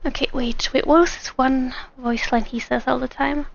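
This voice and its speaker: Talking over her gameplay on a livestream, this woman has a high, gravelly voice with a steady tone and moderate pace, and she sounds casual but slightly hesitant. The audio comes through a dull lo-fi mic, with game music playing faintly behind her.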